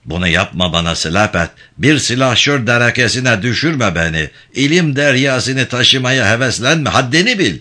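A man voicing a stubborn old male sage who preaches against weapons in a slow, lofty, proclaiming way. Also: mid-range voice, animated, pushed and bright. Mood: preaching, defiant.

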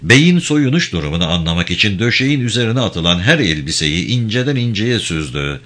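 A man tells a dark story in intense, dramatic narration. His voice is very low but bright and forceful. His pitch rises and falls widely as he reads. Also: big pitch swings, fairly quick.

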